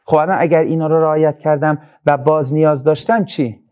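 A man giving a moral lecture to a young audience, telling stories with lively emphasis and quiet asides. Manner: animated storytelling, voice rising high for emphasis, drops low for asides.

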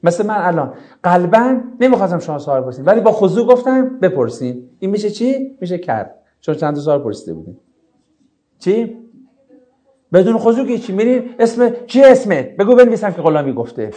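Animated high-voiced male teacher. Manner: asks rhetorical questions to the class; animated, explanatory. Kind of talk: classroom lesson.

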